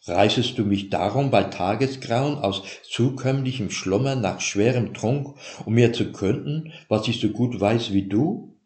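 A man's voice: medium pitch, unhurried, a little mellow, lightly acted. A man voicing a sly older father-in-law who lectures in a pompous, scolding way. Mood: drowsy irritated. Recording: roomy echo.

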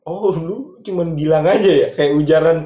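A man's voice: fairly high pitch, moderate pace, mellow. A man with a Jakarta accent bantering casually with friends in coarse, teasing Jakarta slang. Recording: echoey, roomy sound.

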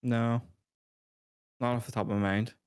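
A man's voice: mid-range voice, level tone, normal speed, darkish tone, smooth, no echo, studio quality. A man co-hosting a gaming podcast, laid-back and tired-sounding, mostly giving short replies. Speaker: podcast co-host. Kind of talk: casual gaming chat.

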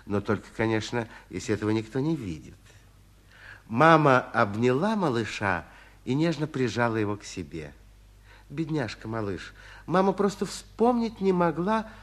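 A man narrating a 1950s radio fairy tale as a kindly storyteller, gentle and expressive. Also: medium pitch, moderate pace. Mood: tender. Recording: 1950s radio drama recording.

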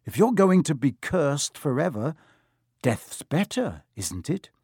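A man's voice: on the high side, very animated, a little slow, a little mellow, breathy edge, dry recording, clean studio sound, exaggerated voice. A man voicing a curious, bewildered young boy in a storybook, with a plain questioning manner. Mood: puzzled. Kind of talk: storybook character voice.

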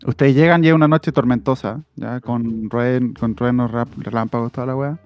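A man's voice: medium pitch, fairly even intonation, normal speed, smooth, dull audio, soft background music. A Chilean man narrating a tabletop role-play as game master, rambling and laughing often as he restarts his sentences.

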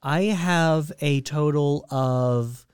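A man's voice: a little high, very slow, darkish tone, clean tone, dry recording, clean studio sound. A man hosting a casual podcast chat, explaining a trivia game with lots of ums and uhs. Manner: rambling, many ums and uhs. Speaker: podcast host running trivia.

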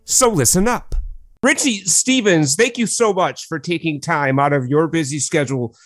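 A man's voice: fairly high pitch, moderate pace, a bit bright, no room sound, studio quality, soft background music. A man hosting a recovery podcast, reading an enthusiastic scripted introduction. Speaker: podcast host. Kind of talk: scripted intro then interview.

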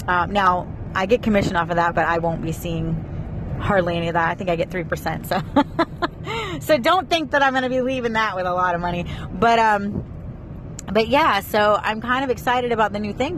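A woman in her thirties chatting casually to her viewers in an exasperated, venting way, recording from a car. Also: medium pitch. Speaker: vlogger. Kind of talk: casual vlog chat. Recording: car and street noise behind.

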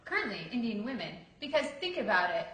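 A woman's voice: fairly high pitch, big pitch swings, fast, a bit bright. A woman speaking as a guest actress in a casual interview, candid and chatty as she tells stories. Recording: echoey room.

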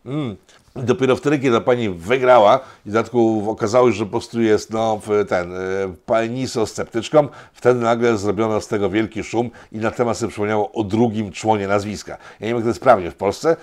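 A man's voice: fairly low pitch, fairly even intonation, fairly quick. A man hosting a sarcastic commentary monologue, mocking and meandering, with many filler sounds. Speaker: host of a political commentary show.

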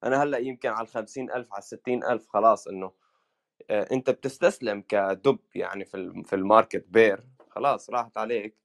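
A man's voice: fairly low pitch, very fast, vocal fry. A man with a Levantine Arabic accent in a casual market chat, dropping English words into his Arabic.

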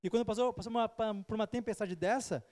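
Preacher, male, fairly high voice, short phrases with pauses for the interpreter. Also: a little mellow, long reverb tail. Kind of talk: sermon with live interpretation. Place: church hall with a projector.

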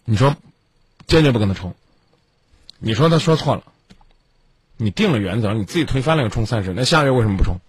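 A man's voice: medium pitch, expressive, quick pace, pauses often, breathy edge, no room sound. A man hosting a radio call-in advice show, scolding a caller in a stern lecture full of pointed questions.

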